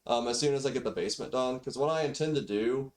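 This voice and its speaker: A man's voice: medium pitch, fast talker, a little mellow. A male game streamer talks off the cuff to his chat in an ordinary mid-range voice. His delivery is rambling and slangy, with a mild grumble to it. It is picked up on a cheap default microphone. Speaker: game livestreamer. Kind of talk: casual livestream chat. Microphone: default backup microphone after main mic failed.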